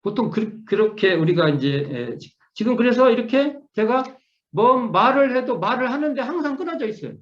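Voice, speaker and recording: A man's voice: very high-pitched, big pitch swings, normal speed. A middle-aged man, a minister, gives an online scripture lecture, repeating key words and restarting often as he muses through his explanation. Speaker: Won Buddhist minister teaching scripture. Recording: echoey room, dull lo-fi sound.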